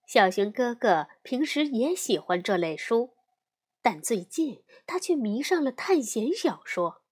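语速缓慢的女性讲故事声音. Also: female voice, fairly high pitch, slightly rough. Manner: slow, expressive storytelling. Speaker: storyteller. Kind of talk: children's audiobook narration.

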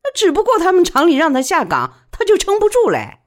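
A woman's voice: very high voice, wildly swooping pitch, a little fast, pitched above the performer's own voice, full character voice. A woman voicing a defiant, newly widowed woman who speaks sharply and bitterly.

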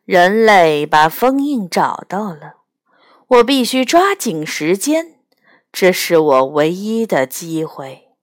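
A woman's voice: fairly low pitch, very animated, slow pace, no echo, clean studio sound, pitched below the performer's own voice. A woman voicing a cold, scheming bird spirit with a grand, haughty and insistent manner, in a storybook reading.

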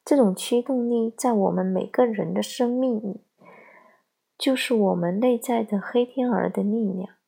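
A woman giving calm, measured scripted narration of a parenting essay. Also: a little high, creaky, breathy edge. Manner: slow, measured, calm storytelling.

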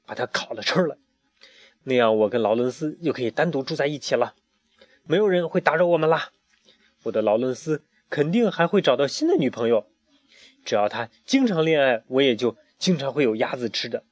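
A man's voice: medium pitch, animated, fairly quick, no echo, lightly acted. A man voicing a sly, hungry fox father who schemes aloud in chatty asides, on a muffled recording. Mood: scheming.

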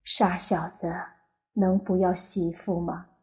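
A tender, sorrowful older mother, as a woman narrator puts her on in an audiobook. She speaks gently with a sad, teasing softness, in slow lines. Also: on the low side, little pitch movement. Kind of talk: audiobook character voice.

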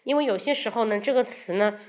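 A woman from China hosting a casual livestream English lesson, chatting with viewers, switching between Chinese and English and slowly repeating words to show how they sound. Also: a little high, a little mellow. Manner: addresses viewers directly and invites questions.

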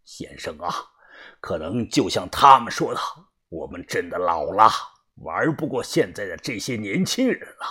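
A man voicing a grief-worn 74-year-old man with a hoarse, low, subdued voice. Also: sing-song, moderate pace, sharp tone, heavily acted. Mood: resolute, grieving.

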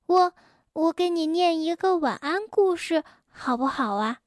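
Storybook rabbit boy, young and quick-tempered, shrill indignant cries; a woman voices him, high and bright. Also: dry recording, studio quality. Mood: timid. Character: excitable young male rabbit, quick to anger.

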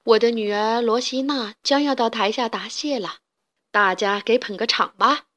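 A pompous rooster father from a children's storybook, a director of a small theater troupe, as a woman reading puts him on. He blusters and brags in a self-satisfied way, and his voice sits fairly high. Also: moderate pace, fairly bright tone, lightly acted. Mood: smug.

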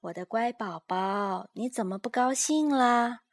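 A gentle, loving mother from a children's storybook, speaking slowly and soothingly, as a woman reader voices her. The voice sits a little high, and the recording is dry and close. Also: no room sound. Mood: tender. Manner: tender, soothing.

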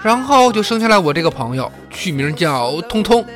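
A man's voice: high voice, normal speed. A man hosting a comedy news talk show, telling jokes and laughing at his own punchlines. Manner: lively joke-telling with laughs. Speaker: podcast host. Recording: music bed behind voice.

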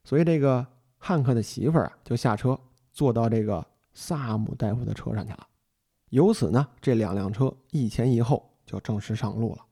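Male storyteller, mellow even tone, casual folksy retelling of a novel. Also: mid-range voice, normal speed, husky. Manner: chatty, addresses the listener directly, folksy asides. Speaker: book storyteller.

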